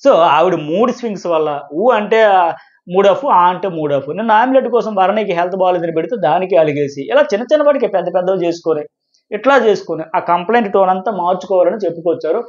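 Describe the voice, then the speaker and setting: A middle-aged man with a Telugu accent delivers a reality-show review at a breakneck pace. His voice sits high and he keeps firing rhetorical questions. The recording has a dull, muffled lo-fi quality. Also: animated. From India. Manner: rapid, argumentative, rhetorical questions. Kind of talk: fast opinionated commentary. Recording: dull lo-fi sound.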